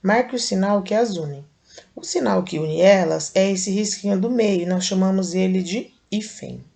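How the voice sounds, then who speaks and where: Patient Brazilian woman teacher, slightly gravelly. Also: medium pitch, mellow. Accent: Brazilian Portuguese. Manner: slow, patient, explaining step by step. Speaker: primary school teacher. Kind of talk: recorded video lesson for children.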